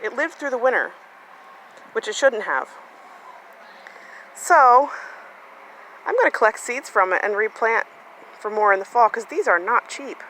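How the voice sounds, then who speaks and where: A woman's voice: a little high, animated, measured pace, pauses often, sharp tone, slight background noise, rough recording. A woman chatting casually as she walks through her garden outdoors, talking into a handheld phone camera with plenty of fillers. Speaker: gardening vlogger. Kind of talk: casual walk-through vlog. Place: outdoors in a sunny home garden.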